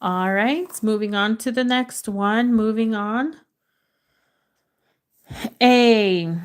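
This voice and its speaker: With a fairly high, clear and resonant voice, a woman from the United States runs a livestream word-guessing game. She reads out letters slowly and drawn-out, chats casually with viewers, and sometimes switches into Spanish.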